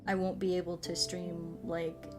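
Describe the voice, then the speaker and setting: A VTuber streamer chats casually and playfully with viewers over a game, rambling along and often repeating short phrases, with music in the background. Her voice is fairly low-pitched, flat in delivery and measured in pace.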